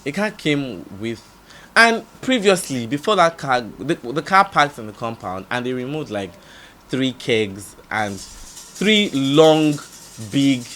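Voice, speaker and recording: Animated young Nigerian man telling a story. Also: medium pitch, slow pace. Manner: animated storytelling with big swings in loudness. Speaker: vlogger. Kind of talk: storytime vlog. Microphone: camera mic.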